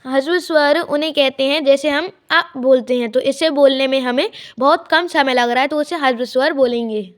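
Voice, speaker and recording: A woman teaching a grammar lesson, explaining each point slowly and repeating it with examples. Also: high voice.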